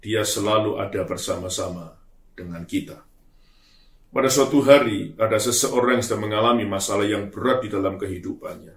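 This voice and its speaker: A male pastor preaching a sermon in an earnest, emphatic way, letting phrase ends trail off softly. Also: on the low side, a little fast, creaky. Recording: roomy echo.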